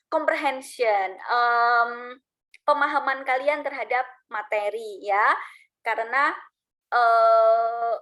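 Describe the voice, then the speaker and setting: Woman lecturer on a video call, patient and filler-heavy, a touch high-pitched. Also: poor audio. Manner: many drawn-out "eee" fillers, gentle teacherly. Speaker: university English lecturer. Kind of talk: online class feedback.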